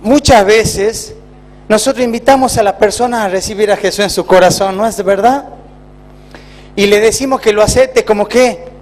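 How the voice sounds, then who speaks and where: A man with an Argentine accent, a pastor preaching a sermon in a church with emphatic rises and slow, drawn-out phrases. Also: high-pitched. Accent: Argentine Spanish.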